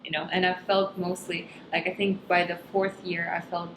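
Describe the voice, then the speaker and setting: Background noise and room echo surround a young woman from Kazakhstan, a stand-up comedian guesting on a relaxed interview. Russian is her first language, and she frequently hunts for words with ums. Her pitch is on the low side, her tone level, her pace moderate.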